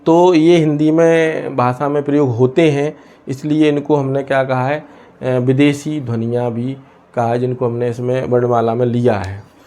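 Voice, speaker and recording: A man teaching a lesson from India, pausing often and asking questions he then answers himself. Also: medium pitch, steady tone, warm tone. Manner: asks and answers his own questions, many hesitations. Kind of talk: explaining a lesson.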